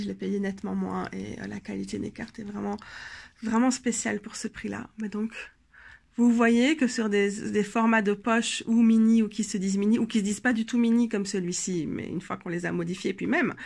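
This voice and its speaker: A woman's voice: mid-range voice, creaky. A young woman with a Belgian French accent, tired, chatting casually in a rambling show-and-tell about her tarot decks, full of fillers and self-corrections. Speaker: tarot vlogger.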